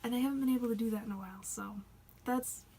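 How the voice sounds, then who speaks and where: A doll hobby vlogger chats casually, rambling and self-conscious, soft-spoken and laughing as her fairly high, slightly rough voice wears out. She talks fast.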